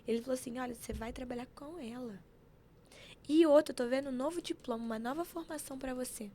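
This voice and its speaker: A woman telling stories in an animated, preachy way, acting out quotes as she chats on a podcast. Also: high voice, fast. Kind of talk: casual chat.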